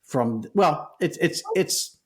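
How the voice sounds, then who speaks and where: A man's voice: fairly high pitch, expressive, slow. A man hosting a podcast, asking curious questions and repeating words as he talks. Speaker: podcast host. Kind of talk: casual conversation.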